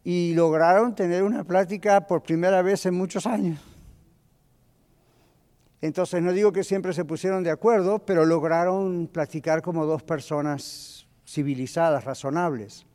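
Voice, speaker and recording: A man's voice: sits high, steady tone, moderate pace, darkish tone. A male pastor teaching a Bible lesson in a conversational way, putting questions to his congregation. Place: church hall. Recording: long church hall reverb.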